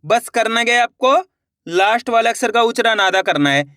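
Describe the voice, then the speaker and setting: A man's voice: sits high, animated, fairly quick, pushed and bright, smooth, dry recording, studio quality. A young man teaching children to read, patiently sounding out syllables one by one in an online lesson. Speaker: Hindi reading teacher.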